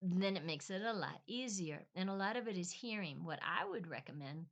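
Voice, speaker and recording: Woman giving a chatty spanish sounds lesson, lowish voice, thinks out loud, repeats sounds slowly, poor home recording. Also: expressive, muffled recording. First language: English. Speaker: language teacher. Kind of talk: casual spoken lesson.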